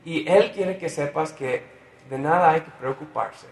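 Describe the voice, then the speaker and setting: A man preaching a sermon in Mexico, lively and conversational, with frequent asides and fillers. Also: fairly high pitch, measured pace, echoey room, low-quality recording. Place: church in Mexico.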